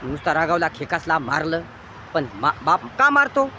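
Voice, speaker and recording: A man with a Marathi accent giving an impassioned moral lecture, preachy and repetitive, swinging between loud emphatic bursts and quiet low lines. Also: very animated, moderate pace, background noise. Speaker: motivational speaker.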